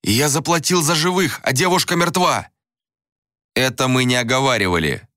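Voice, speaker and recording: A man's voice: mid-range voice, lively intonation, normal speed, sharp tone, dry recording, clean studio sound, pitched above the performer's own voice. A man doing a sneering whip-cracking bandit. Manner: sneering, threatening. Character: mocking greedy male bandit with a whip.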